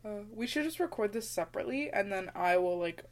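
Speaking fast and expressively in a mid-range, slightly mellow voice, this podcast co-host has a slight lisp. She's close to a shared mic, trading casual banter with a bossy, teasing edge.

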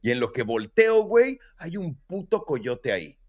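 A man's voice: fairly high pitch, very animated, unhurried. A man with a Mexican Spanish accent hosting a podcast, telling stories in casual chat full of slang and swearing, acting out quotes in raised voices. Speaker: podcast host.

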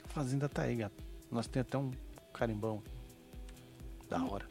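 A man's voice: mid-range voice, brisk, music in the background. A Brazilian man co-hosting a live chat show, bantering in a laid-back, slangy way. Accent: Brazilian Portuguese. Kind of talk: casual live chat about a reality show.

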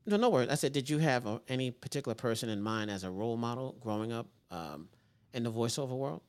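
A man hosting a casual interview, repeating phrases and filling pauses with um and you know. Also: mid-range voice, animated, smooth. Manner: repeats words, laughs, many fillers. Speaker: interview host.

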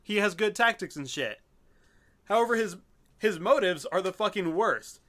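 High-voiced man ranting on a podcast. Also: lively intonation, normal speed, fairly bright tone. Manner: ranting, sweary. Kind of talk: casual chat.

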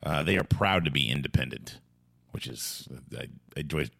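Super deep voiced guy hosting a casual podcast, dry close sound, kinda rambles. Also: normal speed, creaky, fairly bright tone, dry recording. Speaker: podcast host.

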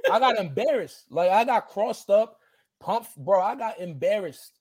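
A grown man on a podcast telling an animated, slangy story, acting out the other people's lines in it. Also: high voice, a little slow, crowd noise. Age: adult.

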